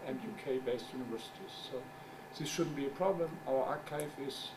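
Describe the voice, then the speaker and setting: Haltingly and with wry asides, a middle-aged journal editor, German by first language, works through a conference presentation in English while searching for words. He has a mid-range voice; the conference room audio is distant and noisy in the background.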